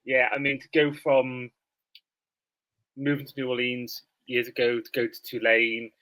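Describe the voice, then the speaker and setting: A man's voice: medium pitch, level tone, unhurried, sharp tone, low-quality recording. A man from Wales hosting a sports podcast, chatting in a friendly, easygoing way. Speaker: podcast host. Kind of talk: casual podcast chat.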